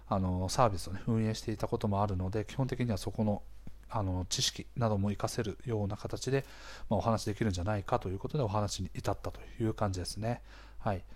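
Slightly hoarse man hosting an explainer talk. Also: lowish voice. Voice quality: hoarse, gravelly-sounding voice. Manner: conversational, explanatory, frequent soft interjections to the listener. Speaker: podcast host. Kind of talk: casual explainer talk to listeners.

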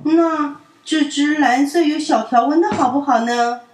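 A woman puts on an eager little boy, bright and helpful, calling out his offers loudly and quickly in a squeaky high voice. The sound is roomy and a bit distant. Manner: chirpy, loud and quick.

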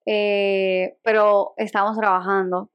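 A woman's voice: mid-range voice, flat delivery, takes it slowly, clean tone, highs cut off. A young woman, co-hosting a podcast in casual chat, laughing often and restarting her sentences. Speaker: podcast co-host.

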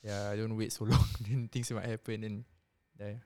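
A man's voice: fairly low pitch, level tone, normal speed, vocal fry, a little mellow. A man in his twenties with a Singaporean accent, chatting casually and colloquially in a mix of English and Malay. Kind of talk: casual podcast chat.

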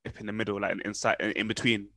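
A man's voice: on the low side, level tone, fast, a bit bright, no room sound, clean studio sound. A man in his early twenties with a London accent, chatting casually in heavy youth slang. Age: early 20s. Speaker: podcast panelist. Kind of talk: casual chat.

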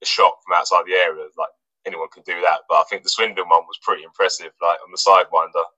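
Here an English footballer, male, speaks at a quick pace in a low register during a laid-back interview, hesitating with lots of fillers and restarts. There's no room sound, and the audio is poor.

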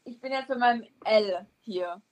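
A young woman co-hosting a casual guessing-game podcast, competitive and stubborn, musing aloud in drawn-out syllables. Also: a little high. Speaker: co-host playing a guessing game.

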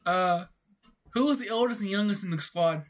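A man's voice: high-pitched, moderate pace. A young man co-hosting a casual chat with friends, joking and swearing often. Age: young adult. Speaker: podcast co-host. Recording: echoey room, far from mic, faint hiss.

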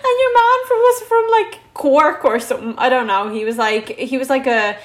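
A young woman with a Dublin Irish accent tells a story in casual chat, fairly high-voiced and animated. She slips into other people's lines in quick, lively bursts. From Dublin, Ireland. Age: 20s.

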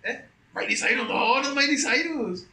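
A young man with a Mexican accent, a podcast guest telling stories in a slangy, animated, casual way. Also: very high voice, normal speed. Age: young adult. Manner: slangy, animated, peppers speech with güey. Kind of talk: casual storytelling chat. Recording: roomy echo with faint hiss.

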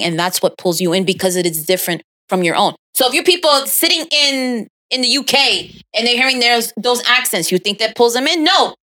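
A woman's voice: mid-range voice, sharp tone. A woman in a casual group chat, assertive and explaining her point firmly.

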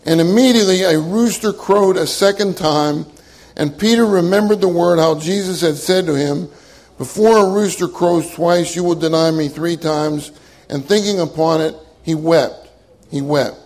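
A man with a high, light voice delivers an earnest sermon. He leans on his key phrases and repeats them for emphasis, speaking straight to his congregation. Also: moderate pace, darkish tone, rough recording. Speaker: minister.

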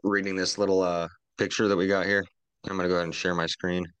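A man's voice: low-pitched, flat delivery, fast, a bit bright, smooth, no room sound. A man hosting a podcast in a laid-back, casual way, swearing freely as he talks. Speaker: podcast host.

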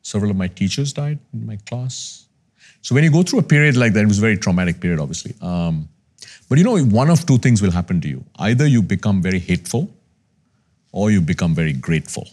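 Here the same kind of speaker, a Sri Lankan podcast guest in his fifties, shares his life story candidly, earnest and reflective. His lowish voice, though, is animated and quick, with a darkish, husky tone.

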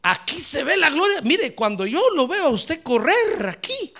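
A man preaching as a pastor in a church, a fiery Pentecostal sermon that swings from quiet asides to shouted exclamations. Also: extremely high pitch, very animated, a little slow, vocal fry.

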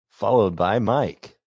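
A man hosting a tabletop game podcast as dungeon master, upbeat and announcer-like, quick to laugh. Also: lowish voice, a little mellow, slightly rough, no room sound, studio quality. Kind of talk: podcast intro and game talk.

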